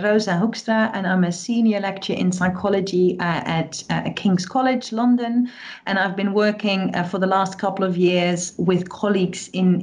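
A woman's voice: mid-range voice, a little mellow. A woman psychology lecturer explaining her research as a podcast guest, thoughtful with some hesitations. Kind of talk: podcast interview.

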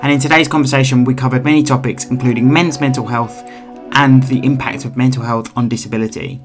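A man's voice: mid-range voice, steady tone, fast talker. A man reading a scripted introduction as the host of a podcast. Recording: faint music behind the voice.

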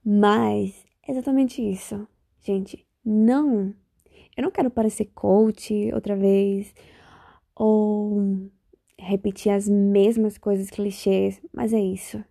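A woman's voice: medium pitch, little pitch movement, takes it slowly, creaky, mellow, slightly rough, dry recording, clean studio sound. A young woman from Bahia with a Bahian Brazilian accent, hosting a casual solo podcast in a rambling, reflective way that keeps interrupting itself. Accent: Bahian Brazilian Portuguese. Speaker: podcast host.

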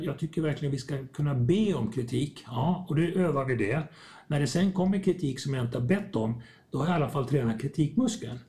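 Reflective man with a mellow voice. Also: fairly high pitch. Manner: reflective, acts out little dialogues. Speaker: podcast guest. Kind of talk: conversational podcast talk.

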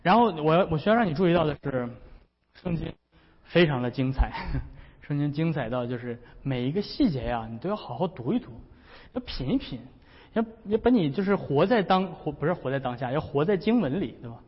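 A man's voice: on the high side, sing-song, fairly quick, breathy edge. A man preaching a sermon as a pastor, in a chatty, humorous way that often breaks into laughter. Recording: dull recording with long hall reverb.

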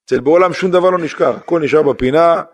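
Man preaching with rhetorical questions. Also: a little high. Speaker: rabbi. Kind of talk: sermon.

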